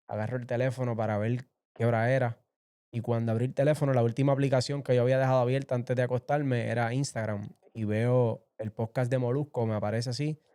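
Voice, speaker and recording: A man's voice: medium pitch, fairly even intonation, quick pace, warm tone, smooth. A man telling his personal faith testimony as an interview guest, storytelling vividly and acting out the voices he quotes.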